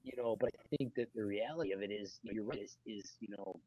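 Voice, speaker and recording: A man's voice: fairly low pitch, quick pace, warm tone, husky, no echo, lo-fi sound. A man co-hosting a casual beer show, rambling with lots of fillers and restarts. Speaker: podcast co-host. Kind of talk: casual chat.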